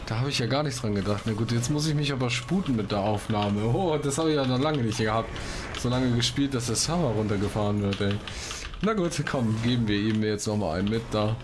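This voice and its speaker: Reading quests aloud during a casual gaming session, this man talks briskly in a mid-range voice. He's colloquial and chatty, often cutting himself off with exclamations. The audio, made in a room at home, is clear, with background noise and typing.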